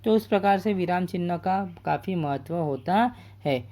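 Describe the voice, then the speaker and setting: A man speaking at normal speed with a high-pitched, slightly mellow voice gives a Hindi grammar lesson in the classroom. Patient and methodical, he explains step by step, checks in often with students, and repeats points with "ठीक है."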